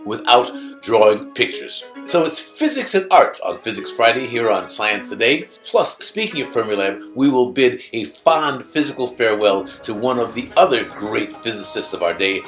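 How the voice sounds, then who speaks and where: A man's voice: mid-range voice, expressive, moderate pace, hardly any pauses, fairly bright tone, soft background music. Playful theatrical male science show host. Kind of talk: comedic science show hosting.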